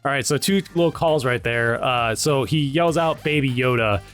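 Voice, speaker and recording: A man's voice: medium pitch, moderate pace, over music. A man hosting his animation channel, giving casual, informal and rambling commentary on how he makes his videos. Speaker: animation channel creator and host.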